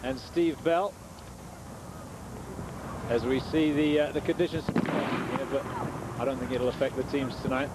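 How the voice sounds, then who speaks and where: A man's voice: medium pitch, fairly even intonation, a little slow, pauses often, very noisy. A man hosting live soccer commentary as a sports broadcaster.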